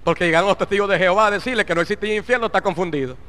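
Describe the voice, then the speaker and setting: A man preaches a fervent sermon in a high, ringing, bright voice, sprinkling in hallelujahs as he goes. He swings from urgent exhortation down to soft muttered asides, and a long hall reverb trails behind each phrase. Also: rapid-fire. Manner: fervent preaching, with frequent interjected "aleluya" and "bendito Cristo". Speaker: pastor.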